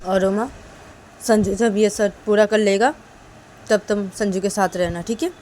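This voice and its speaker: A middle-aged father lays down terms in a calm, measured, instructing voice, voiced by a woman narrator. Faint vehicle noise sits behind. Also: medium pitch, close to an everyday voice. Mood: stern calm.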